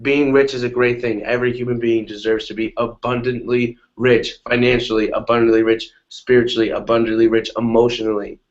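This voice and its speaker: A man in a casual motivational talk on a webinar call, energetic and repetitive, often asking "right?". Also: medium pitch, brisk, hardly any pauses. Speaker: guest on a webinar. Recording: dull lo-fi webinar audio.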